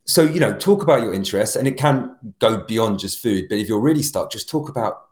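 A man with a low voice talks as a guest on a podcast, animated and rambling, often restarting his sentences. His voice carries a roomy echo. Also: fairly quick. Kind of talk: casual podcast conversation.

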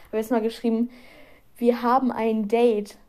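A woman's voice: a little high, level tone, a little slow, a little mellow. A teenage girl hosting a casual solo podcast, rambling and self-mocking with giggly asides. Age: teens. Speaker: podcast host.

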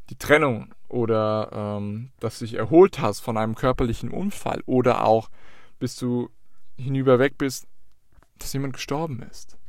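A man's voice: mid-range voice, gravelly, dry recording, clean studio sound. A man giving a motivational monologue, speaking earnestly and straight to the listener with repeated questions and the odd curse word. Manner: emphatic, occasional swearing.

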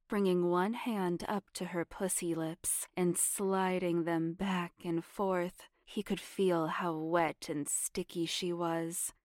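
A woman reading a scripted adult story aloud, slow and soft, sometimes dropping to a whisper. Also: lowish voice, no echo, clean studio sound. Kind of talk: scripted erotic story narration.

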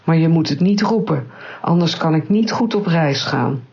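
A woman's voice: sits low, animated, moderate pace, creaky, dark tone, slightly rough, dull audio, heavily acted. A woman doing a stern scolding ant. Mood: firm. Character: stubborn traveling male ant.

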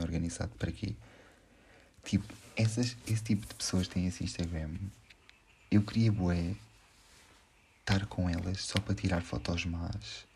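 Young portuguese guy, european accent, dark mellow voice, a bit husky, slangy podcast rambling that keeps doubling back. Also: deep voice. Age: young adult. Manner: slangy, hesitant, circles back on his thoughts. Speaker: podcast host. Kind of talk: casual rambling monologue.

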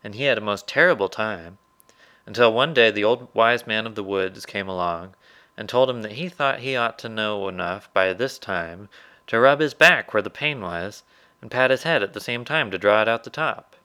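A man's voice: on the low side, normal speed, sharp tone. A man doing a sly, polite storybook raccoon. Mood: coaxing. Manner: pleasant and coaxing.

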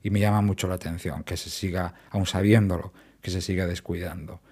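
A man's voice: low-pitched, flat delivery, brisk, darkish tone, husky. A man, hosting a solo podcast and explaining his points emphatically, repeating key words. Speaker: podcast host. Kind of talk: solo productivity podcast talk.

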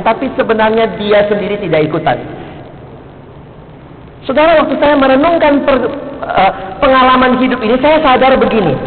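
A middle-aged man preaching a sermon to students, swinging between emphatic high peaks and low, quiet asides. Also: slight background noise. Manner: rises to emphatic peaks and drops low, acts out street characters. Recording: echoey hall, phone-like band.

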